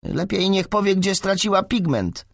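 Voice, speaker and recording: A man's voice: high-pitched, sing-song, moderate pace, creaky, no room sound, clean studio sound, voice pushed up, exaggerated voice. A man reading an audiobook, voicing a scornful, taunting teenage schoolgirl. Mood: sneering. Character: snide, mocking teenage schoolgirl.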